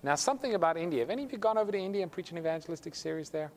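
A man's voice: fairly high pitch, expressive, racing. A male pastor telling a story in a sermon, acting out the voices of the people in it. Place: church sanctuary. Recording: long hall reverb.

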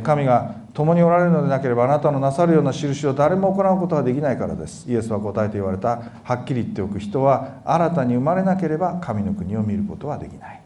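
Guy interpreting a sermon, rapid and mellow, lots of fillers, echoey hall. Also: medium pitch. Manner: quick, fills with filler words, reads scripture.

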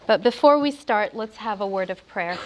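A woman's voice: mid-range voice, animated, moderate pace, darkish tone, a little hiss or hum, rough recording. A woman giving an earnest, reverent sermon at a pulpit microphone, with a prayer and scripture study. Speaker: preacher.

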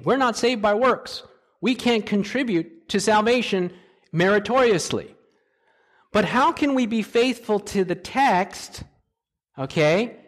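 Emphatic preacher with a higher male voice. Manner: emphatic, asks the audience rhetorical questions. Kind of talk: sermon lecture with slides.

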